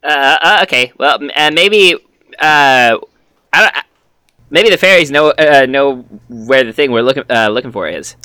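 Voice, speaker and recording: Male player, very bright crisp voice, stammers and restarts, laughs a lot. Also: medium pitch, moderate pace, dry recording. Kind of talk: tabletop role-play.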